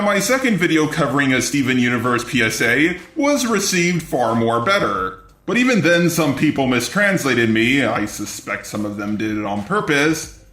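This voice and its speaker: This video commentator uses a robotic, synthetic male text-to-speech voice, playing a robot persona that reads scripted lines in a blunt, sardonic manner. The voice is a little high and a bit bright, with a reverberant sound.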